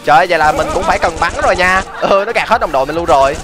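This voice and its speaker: Fast, excitable male game streamer. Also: on the high side. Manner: fast, excitable, exclaims often. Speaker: gaming streamer. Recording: game music behind.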